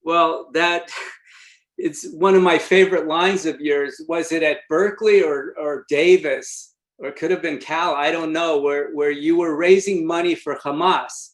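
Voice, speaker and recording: A man's voice: on the high side, fairly even intonation, unhurried. Man hosting a webinar, reading questions. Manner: conversational, reads audience questions. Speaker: webinar host. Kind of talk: webinar interview.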